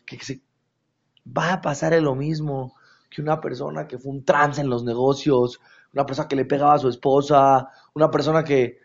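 A man giving a Torah class as a religious teacher, animated and rhetorical, often checking that his listeners follow. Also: mid-range voice, normal speed, creaky, dull audio.

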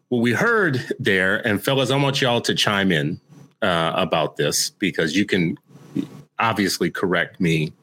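A man's voice: sits low, sharp tone, slightly rough. A man hosting a casual discussion over a video call, joking and conversational. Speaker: podcast host.

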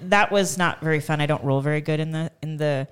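Chatty, low-voiced podcast host woman. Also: fast, clean tone. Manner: chatty, laughs often, self-deprecating. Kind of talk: casual chat.

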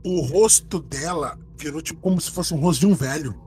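A man's voice: fairly high pitch, fairly quick, soft background music. A man with a Brazilian accent telling a spooky story to friends in a casual chat, acting out the quoted lines. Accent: Brazilian Portuguese. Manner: animated retelling, acts out quoted lines.

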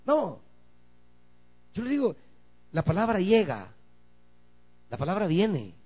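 A male pastor preaching a sermon, swinging from quiet asides to shouted emphasis and calling out to the congregation. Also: high voice, wildly swooping pitch, takes it slowly, husky.

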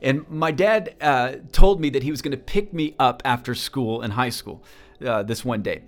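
Man, mid-pitched voice, earnest personal storytelling, halting with repeated words, faint music underneath. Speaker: speaker.

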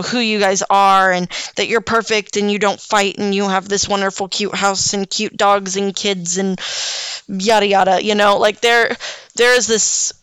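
Frank young woman podcasting, smooth voice. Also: medium pitch, a bit bright, no echo. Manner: rambling, frank, swears often, many ums and likes. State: yawning and hiccuping. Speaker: podcast host. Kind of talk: casual solo podcast chat.

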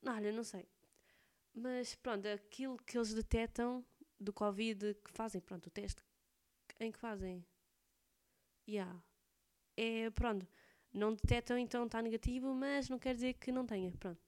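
A woman's voice: on the high side, steady tone, normal speed, long pauses, a little mellow. A teenage girl with a European Portuguese accent, chatting casually to camera in a rambling way, slightly congested with phlegm. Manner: rambling, chatty, full of fillers. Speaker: student vlogger.

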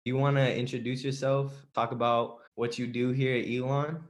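A man's voice: medium pitch, level tone, moderate pace. A young man hosting a podcast, introducing the show and guest in a friendly, casual way. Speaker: podcast host.

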